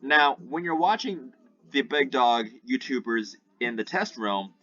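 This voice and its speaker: A man's voice: mid-range voice, animated, unhurried, bright, forceful tone. A man giving rambling gameplay commentary as a gaming YouTuber, often checking in with "right?". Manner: rambling, keeps asking "right?". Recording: dull lo-fi sound with faint music.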